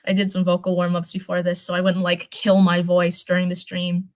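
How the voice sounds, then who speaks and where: This fan fiction reader on a live stream has a lowish voice, a completely flat delivery, and a slightly fast pace. Between stretches of storytelling she chats casually, and she sometimes stumbles and repeats phrases.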